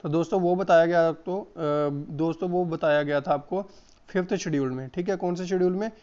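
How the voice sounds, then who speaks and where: Hoarse man coaching exam questions. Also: sits high, brisk, a little mellow, lo-fi sound. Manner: repeats each answer, addresses viewers as friends. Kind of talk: exam-prep lesson.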